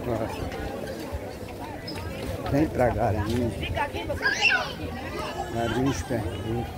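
A man's voice: mid-range voice, fairly even intonation, takes it slowly. A man with a northeastern Brazilian accent giving a casual, repetitive walking tour commentary, pointing things out to viewers. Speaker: vlogger. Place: busy open-air street market. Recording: loud street market crowd and traffic noise. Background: crowd, street noise, vehicles.

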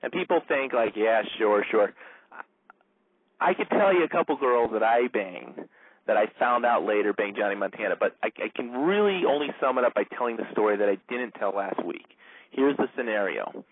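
Husky guy rambling thru a story on talk radio, sounds tinny like a phone line. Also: mid-range voice, lively intonation, a little fast, no room sound. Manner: rambling, full of "like" and "you know". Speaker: radio show host. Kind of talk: casual storytelling. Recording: narrow phone-like band, dry.

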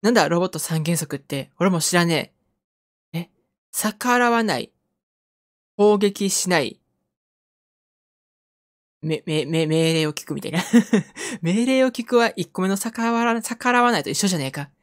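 A woman's voice: lowish voice, expressive, measured pace, pauses often, dry recording, studio quality. Chatty woman playing a game. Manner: chatty, laughing asides. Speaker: game streamer. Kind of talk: let's play commentary. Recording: game music underneath.

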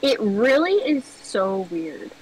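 A woman's voice: a little high, big pitch swings, a little mellow, distant mic, a little hiss or hum, poor audio. A woman playing a game with a friend on stream, chatting casually and laughing often. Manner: slow and giggly, laughs often. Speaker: co-player on a stream. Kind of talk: casual gaming chat.

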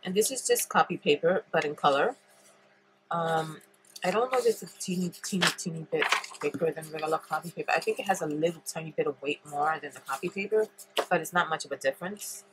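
A paper craft tutorial host with a low, stuffy voice talks a little fast, and the poor audio carries some hiss or hum. She explains her project step by step in a relaxed manner at her table, saying um often as she thinks aloud.

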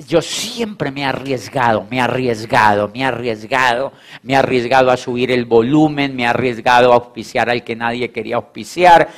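A man giving a motivational stage talk to an audience, repeating phrases for emphasis and acting out quoted voices. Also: medium pitch. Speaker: motivational speaker.

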